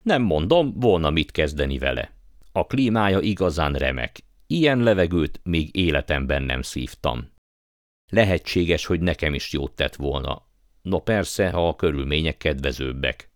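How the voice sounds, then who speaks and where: A man voicing a greedy, pompous elderly uncle who gets excitable and boastful. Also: very deep voice, no echo, studio quality.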